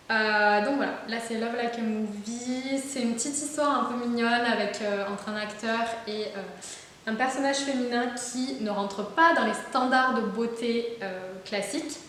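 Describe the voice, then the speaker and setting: A woman's voice: on the high side, a bit bright. A young woman chatting casually about books, full of fillers, restarts and enthusiasm. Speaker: book vlogger. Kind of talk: casual book haul chat. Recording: very echoey room with faint hiss.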